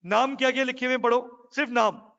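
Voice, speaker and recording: A man's voice: extremely high pitch, fairly even intonation, fairly quick, vocal fry, fairly bright tone. A male teacher, lecturing a class and quizzing students, calling them "beta". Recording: muffled classroom recording with long reverb.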